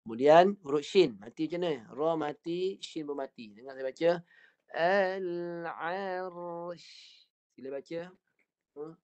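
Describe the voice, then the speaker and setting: A man's voice: on the high side, fairly quick, a little mellow. A man with a Malaysian accent teaching Quran recitation, modelling each word and asking the class to repeat it. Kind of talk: slow recitation lesson. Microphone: online class recording. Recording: dull lo-fi online class audio.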